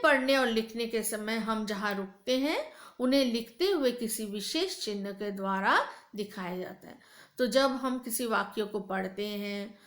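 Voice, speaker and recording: A woman's voice: fairly high pitch, a bit bright, echoey room. A woman teacher explaining a lesson to children in a patient, repetitive way. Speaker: school teacher.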